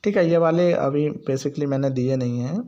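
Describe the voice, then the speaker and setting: A man teaching a grammar lesson, explaining step by step and asking and answering his own questions while he repeats example sentences slowly. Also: medium pitch, dark tone, muffled recording. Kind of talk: Hindi grammar lesson for learners.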